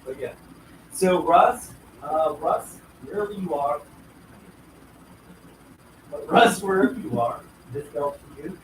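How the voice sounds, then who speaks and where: A man hosting a casual live stream, rambling through upbeat shout-outs to his viewers. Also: a little high, slow pace, pauses often. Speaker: livestream host. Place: roadside station, partly outdoors. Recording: roomy, distant, noisy live stream.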